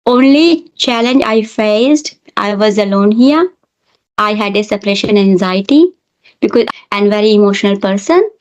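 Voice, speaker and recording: A woman's voice: mid-range voice, normal speed. A middle-aged woman from India who teaches English, chatting in a friendly, encouraging way with small slips and restarts, on a lo-fi call. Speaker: English teacher and channel host. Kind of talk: casual conversation practice. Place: Australia. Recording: lo-fi online call audio.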